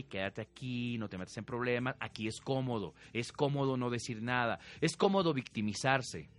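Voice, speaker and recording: A man with a Mexican accent giving a lively spiritual talk, reading out viewer comments and asking his audience questions. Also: a little high. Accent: Mexican Spanish. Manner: animated, questioning, lively acted-out examples. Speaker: spiritual teacher.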